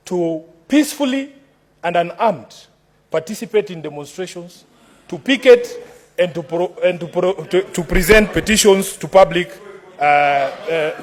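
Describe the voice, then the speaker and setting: High-pitched Kenyan man, combative parliamentary orator. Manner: combative, declamatory, repeats formal address to the chair. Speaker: opposition senator speaking in a parliamentary debate. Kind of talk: formal parliamentary debate speech.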